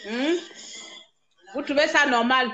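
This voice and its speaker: Woman live-streamer, high voice, scolding, repetitive rhetorical rant. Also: takes it slowly, bright, forceful tone, muffled recording. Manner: indignant, scolding, repeats herself with rhetorical questions.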